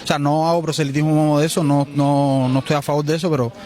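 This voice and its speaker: A man from Cuba, in his twenties, answers a city street interview outdoors with a Cuban Spanish accent and an outspoken, forceful manner. His voice is on the high side, level in tone, and quick.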